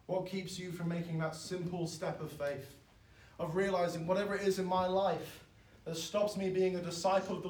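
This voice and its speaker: A man, preaching a sermon in an earnest, pleading way that swells loud and then drops soft. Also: high-pitched. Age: 20s. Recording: echoey, from far off.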